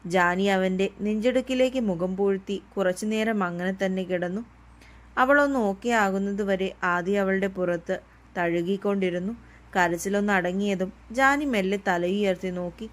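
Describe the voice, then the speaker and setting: A woman reading a serialized romance aloud in a gentle, even storytelling manner. Her voice sits at an ordinary middle pitch. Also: normal speed. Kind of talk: read-aloud romance narration.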